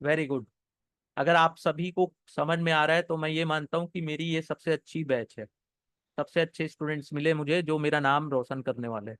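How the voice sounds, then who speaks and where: A man's voice: fairly high pitch, steady tone, fairly bright tone, clean tone, no echo. A young man teaching an exam-prep class live, encouraging his students and explaining each answer step by step. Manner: encouraging, explains step by step, reads sentences slowly. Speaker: online English teacher.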